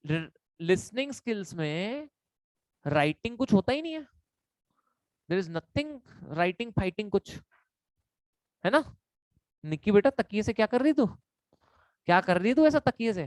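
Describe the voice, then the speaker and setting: Guy teaching an online class, jokey, says everything twice, kinda high voice, dry mic. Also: sing-song, unhurried, long pauses, no room sound. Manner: playful, teasing, repeats each point; mixes Hindi and English. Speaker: online exam-prep teacher. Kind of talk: live online lecture quiz.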